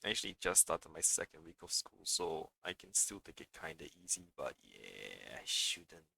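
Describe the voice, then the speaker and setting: With an extremely low, creaky, slightly rough voice at normal speed, a young man livestreams himself gaming, chatting animatedly and reacting to the action. The recording is dry, with video game music in the background.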